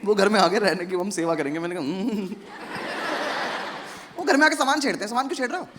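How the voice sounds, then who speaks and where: A young man from India doing stand-up comedy. He tells stories in a sardonic, conversational way, with sudden loud outbursts. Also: high voice, fast. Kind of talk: stand-up comedy with crowd work. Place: live comedy venue with audience laughter. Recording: noisy live show recording.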